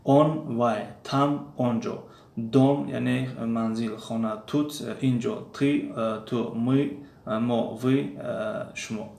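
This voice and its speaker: A man in the middle pitch range teaches a lesson at an unhurried pace. His voice has a gravelly edge, and he says each drill word aloud again and again. The recording carries the echo of a bare room. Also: fairly even intonation, darkish tone. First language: Tajik. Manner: slow, repeats drill words aloud. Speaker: language teacher. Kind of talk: explaining a lesson.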